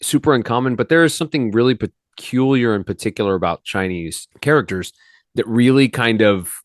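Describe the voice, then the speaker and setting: A man's voice: mid-range voice, brisk, dry recording, studio quality. A man hosting a faith podcast in a loose, rambling, slangy manner, with many restarts. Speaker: podcast host. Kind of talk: casual podcast chat.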